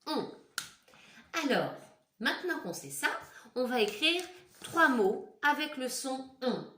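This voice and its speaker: Woman teacher talking kids through writing letters really slow, bit higher voice, echoey room, mic kinda far. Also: very animated, bright, forceful tone, slight background noise. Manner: patient, step-by-step guiding. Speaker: primary school teacher. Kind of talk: handwriting lesson for young children. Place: room at home.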